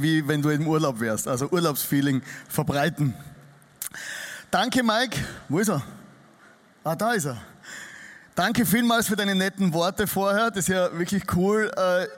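Austrian-accented pastor preaching with high voice. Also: male voice. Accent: Austrian German. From Austria (Styria). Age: middle-aged. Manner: chatty, joking, self-deprecating. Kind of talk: sermon. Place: church hall before a congregation.

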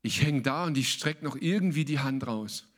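A man's voice: medium pitch, normal speed. A man preaching a sermon as a pastor, emphatic and colloquial, mixing in English words.

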